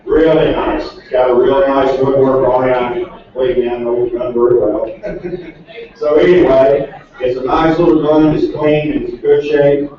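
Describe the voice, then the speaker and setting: A man working as an auctioneer, calling bids in a quick rhythmic chant with folksy asides. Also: mid-range voice, steady tone. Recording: distant echoey lo-fi recording with loud crowd.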